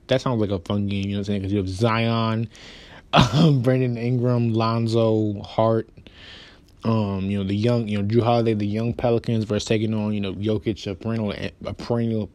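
Man, podcast host, casual sports chat, lowish voice, rambling, lots of fillers. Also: darkish tone, no echo. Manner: rambling, many fillers and restarts; talks fast, says so himself.

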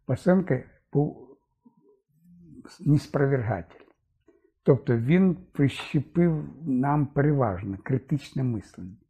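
An older man, a philosophy lecturer, talking through ideas in a relaxed discussion and checking in with short asides. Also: mid-range voice, gravelly, husky. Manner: thoughtful, fond of asides and 'да?' checks. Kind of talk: conversational discussion.

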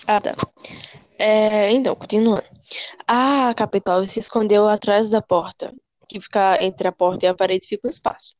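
A young woman with a Brazilian accent, a podcast co-host telling scary stories in casual chat, animated and full of slang, repeating words as she goes. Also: medium pitch, normal speed, no room sound, lo-fi sound. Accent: Brazilian Portuguese.

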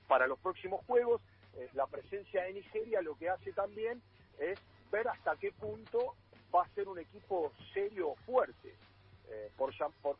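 Raspy, lively Argentine man on a phone line. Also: high-pitched, no room sound. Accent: Argentine Spanish. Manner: explanatory, with many fillers and restarts. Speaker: radio sports columnist. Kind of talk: radio panel talk.

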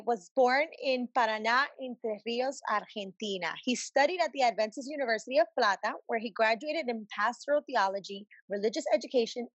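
A woman's voice: on the high side, breathy edge, dry recording. A woman co-hosting a podcast with casual, slangy, playful banter, sometimes reading aloud. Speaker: podcast co-host.

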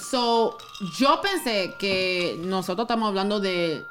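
A woman in casual chat who slips English phrases into her Spanish, talking haltingly with many restarts and laughs. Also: medium pitch, animated, over music.

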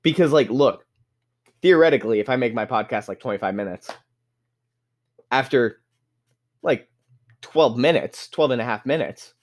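A young man from California hosting a casual solo podcast. He rambles, gets excitable and swears often, and his pitch jumps up when he is worked up. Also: moderate pace, pauses often. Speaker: podcast host.

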